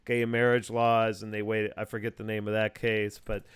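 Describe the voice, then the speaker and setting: A man's voice: lowish voice, completely flat delivery, moderate pace, clear, resonant tone. A man hosting a casual chat over a video call, explaining things at length with many fillers and restarts. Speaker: host. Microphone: video call mic.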